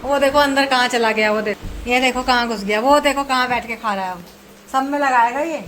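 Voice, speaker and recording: Mother in her 30s hosting a home vlog on a phone camera; conversational, slightly higher pitch, steady background noise. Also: fairly quick. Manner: chatty, scolds children in sharp higher bursts. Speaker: vlogger mother. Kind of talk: casual family vlog narration. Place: home and outdoors in rain.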